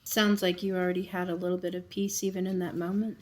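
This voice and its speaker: A woman interviewing a guest, a quiet listener who murmurs agreement. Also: lowish voice, level tone, fast.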